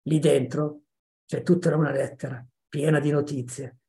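A man voicing an agitated, lanky grown man in a story, his voice pitched up and pushy. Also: level tone, moderate pace, warm tone, natural voice. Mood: insistent.

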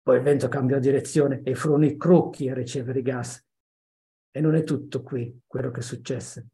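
Man reading a story in a mellow voice. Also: medium pitch. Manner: steady, measured narration. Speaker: narrator. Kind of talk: audiobook reading.

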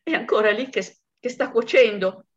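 Woman doing a high, frantic young wife faking grief; muffled lo-fi recording. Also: normal speed, lightly acted. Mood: tearful. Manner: high, frantic, breathless pleading. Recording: dull lo-fi recording.

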